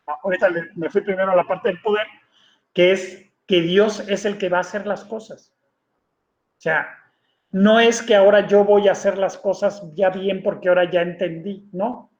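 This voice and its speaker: A man's voice: sits high, moderate pace. A man preaching a sermon in a conversational way, telling a personal testimony and checking in with his listeners with short tag questions. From Mexico. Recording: echoey room, dull lo-fi sound.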